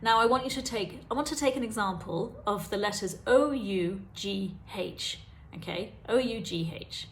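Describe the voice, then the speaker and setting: A woman's voice: medium pitch, moderate pace, hardly any pauses. A woman, a dyslexia specialist, explaining spelling and reading directly to the viewer in a teaching video. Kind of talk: talking-head teaching video.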